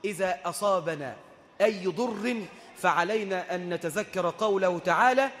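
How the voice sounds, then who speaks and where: A man's voice: high voice, moderate pace, a bit bright, big-room sound. A man with an Egyptian Arabic accent preaching a sermon, telling a story with humor and asking the audience rhetorical questions.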